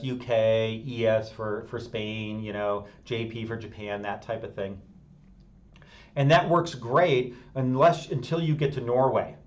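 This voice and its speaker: A middle-aged man hosting a live technical stream, thinking aloud with many fillers and restarts while he answers chat. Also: medium pitch. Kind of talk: casual live-stream explanation. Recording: slightly dull lo-fi stream audio.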